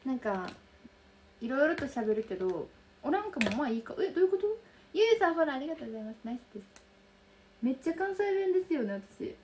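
Young woman, soft Kansai accent, livestream chat, fairly high voice, faint hiss behind. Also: sing-song, very fast. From Kansai region of Japan. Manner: soft, bubbly, chatty with frequent laughs. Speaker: livestream host. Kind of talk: casual livestream chat reading viewer comments. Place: room lit by daylight.

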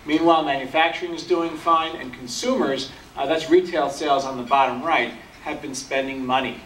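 A middle-aged man speaks at a podium in a large function hall, walking an audience through economic charts. His voice is mid-pitched and explanatory, with steady ums between points. It is recorded from out in the room, so it sounds distant and echoey, with faint ambience behind it. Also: brisk, slight background noise. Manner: explanatory, plain-spoken with frequent ums. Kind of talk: business presentation talk. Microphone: podium mic, filmed from the audience.

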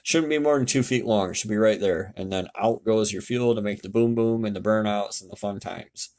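Blunt casual man with a low voice. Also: brisk, a little mellow. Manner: blunt, casual, mild swearing, self-correcting. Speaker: car tech YouTuber explaining fuel systems. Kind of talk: casual screen-share tutorial voice-over. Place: home, indoors.

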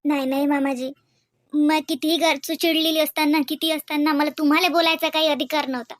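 A woman's voice: high voice, level tone, brisk, no room sound, close to an everyday voice. A woman voicing a remorseful young daughter-in-law who pleads for forgiveness. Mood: apologetic. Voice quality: pleading, apologetic.

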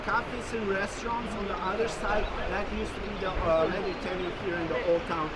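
A man's voice: high voice, little pitch movement, brisk. A man working as a tour guide, explaining sights to his guests while walking through an old town. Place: outdoors in an old town street. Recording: loud street noise outdoors.

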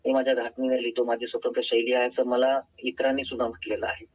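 Husky man calling in by phone. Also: mid-range voice, level tone, quick pace. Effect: heard over a phone line. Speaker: author and poet, guest caller. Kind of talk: phone-in interview answers. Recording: tinny phone line.

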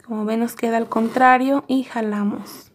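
A woman teaching embroidery step by step in a calm, methodical way. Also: a little high, normal speed. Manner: calm, methodical, repeating each stitch step. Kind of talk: step-by-step craft tutorial.

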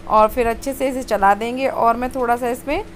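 A woman's voice: a little high, fairly even intonation, a little fast, a little hiss or hum. A woman vlogger chatting casually over home video of her kitchen, homely storytelling with many fillers.

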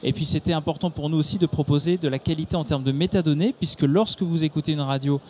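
A thirties man with a French accent speaks a bit fast in a slightly high, somewhat mellow voice, explaining things articulately as an executive guest in a promotional interview. He's at a studio stand at a motor show, on a handheld mic, with clear ambient background noise.

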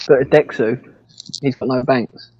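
A man's voice: mid-range voice, steady tone, measured pace, darkish tone, breathy edge, dull audio. A man teasing a teammate and calling out tactics in casual voice chat during an online game. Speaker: gamer in voice chat.

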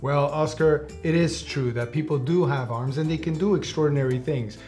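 A man's voice: on the high side, normal speed, a little mellow, soft background music. A man in his forties explaining things encouragingly, as the father in a scripted children's sketch. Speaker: father and mediator in children's show. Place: studio, seated at a table.

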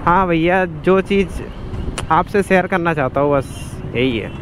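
A man's voice: on the high side, measured pace. A young man chatting casually as he rides a motorbike, mixing English words into his talk and laughing often, recorded on a helmet mic. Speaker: motovlogger. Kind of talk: casual motovlog chat while riding. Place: outdoors on a road, riding a motorbike. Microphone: helmet-mounted mic. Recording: wind and traffic noise on a road. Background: traffic and wind.

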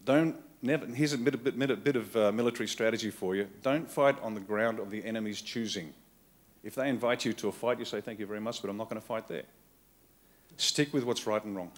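His pitch fairly low and his pace fairly quick, a middle-aged man with an Australian accent rallies a conference hall crowd in a political keynote. He addresses a podium microphone on a stand in punchy bursts, often repeating himself.

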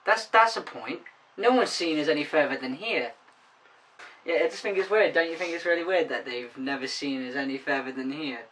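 Bright-toned guy rambling jokingly. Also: on the high side, fairly quick, distant mic, a little hiss or hum, low-quality recording. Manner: silly, rambling, jokey. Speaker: vlogger. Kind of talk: casual comedic chat.

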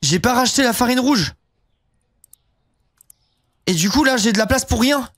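A man's voice: extremely high pitch, expressive, moderate pace, a bit bright, dry recording, clean studio sound. A young man streaming a game, chatting casually and rambling with lots of fillers and casual swearing. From southern France. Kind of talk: casual live-stream chat while gaming.

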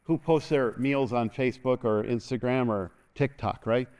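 A middle-aged man preaching a sermon from a church stage, animated and constantly calling for an "amen" from the congregation. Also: mid-range voice, normal speed, smooth. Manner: animated, moves about the stage, call-and-response asking "amen". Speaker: pastor. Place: large church stage, indoors.

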